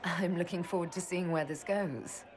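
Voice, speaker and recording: A woman's voice: lowish voice, moderate pace, crowd noise, lightly acted. An actress playing a curious, dryly witty woman leader who talks in a chatty, lightly teasing way.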